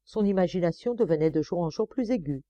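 A woman reading a short story aloud as an audiobook, measured and expressive. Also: on the low side, no echo, highs cut off. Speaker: audiobook reader. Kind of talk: scripted narration.

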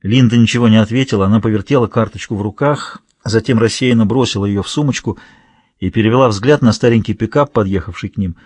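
A man narrating a thriller audiobook in a steady, measured reading. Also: fairly low pitch, slightly rough, no echo. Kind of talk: scripted narration.

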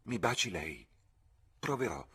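A man's voice: sits low, big pitch swings, measured pace, sharp tone, husky, heavily acted. A man reading a spirited young woman.

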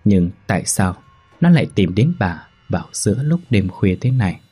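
A man tells a ghost story in a slow, somber way. His voice sits low and has a husky grain. He reads as a steady storyteller. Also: soft background music. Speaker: narrator. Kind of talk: scripted ghost story narration.

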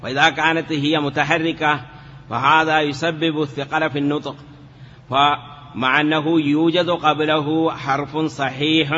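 A male teacher giving a step-by-step Arabic grammar lesson, asking the class questions and drawing words out slowly. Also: on the high side, pushed and bright. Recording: lo-fi, hall reverb, faint noise.

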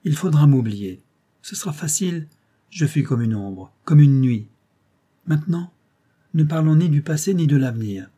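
Male reader as a fierce, sad young gondola girl, low-key, dark and husky. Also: moderate pace, close to an everyday voice. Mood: melancholy. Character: proud young Venetian boatwoman, fierce and melancholy.

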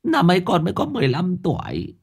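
A man voicing the whimpering ghost of a teenage boy, pleading in a high, thin voice. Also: wildly swooping pitch, fast talker, gravelly, breathy edge, exaggerated voice.

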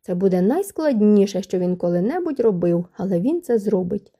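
Brief: woman narrator, calm measured audiobook reading, deep mellow timbre. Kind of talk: scripted narration of a romance novel.

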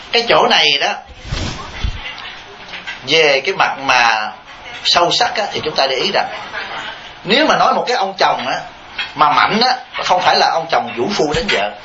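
A man, a Buddhist monk giving a dharma talk and answering questions, telling stories with chuckling asides and rhetorical checks on his listeners. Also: a little high. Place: temple hall with listeners. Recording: echoey, dull lo-fi hall recording with faint hiss.

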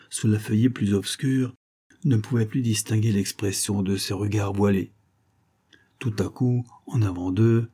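A man calmly narrating a novel as an audiobook reader, measured and even. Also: lowish voice, husky.

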